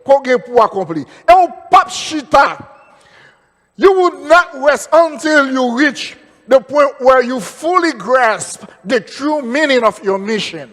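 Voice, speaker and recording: High pitched haitian guy preaching, lots of amen, big echoey church. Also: expressive, slow, fairly bright tone. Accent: Haitian Creole. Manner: preaching, calls of amen, repeating phrases. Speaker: pastor. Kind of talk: sermon.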